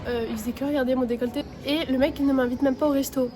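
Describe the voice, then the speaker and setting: A young woman in her twenties talks straight to the camera in a casual vlog. She is blunt and chatty and full of slang. Her voice sits high, with a faint hum of noise behind her. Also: fairly even intonation, racing. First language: French. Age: 20s. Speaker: student vlogger.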